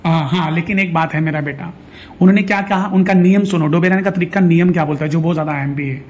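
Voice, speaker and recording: A male science teacher giving a casual lecture, chatty and fond, repeating definitions slowly and calling his students "beta". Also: a little high, steady tone.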